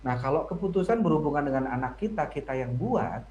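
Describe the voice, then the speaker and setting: A man talks through family psychology on a radio show, lively and explanatory, now and then acting out a child's complaint. His voice sits a little high for a man. The studio sound is roomy with a faint hum underneath. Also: brisk, lo-fi sound. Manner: explanatory, acts out children's lines. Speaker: family psychology guest speaker. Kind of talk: radio talk show discussion.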